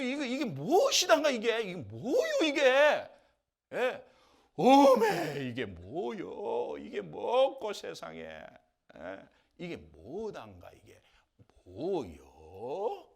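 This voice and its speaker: A man voicing an excitable, amazed Israelite villager who speaks in Jeolla dialect, loudly exclaiming and repeating questions. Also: extremely high pitch, vocal fry, voice pushed up, heavily acted.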